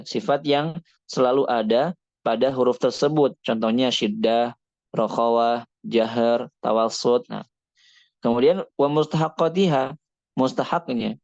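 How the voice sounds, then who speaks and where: A man's voice: medium pitch, a little mellow, no room sound, muffled recording. Man teaching a Quran recitation lesson. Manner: explanatory, asks and answers his own questions; recites Arabic passages between explanations. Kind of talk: kitab study lesson.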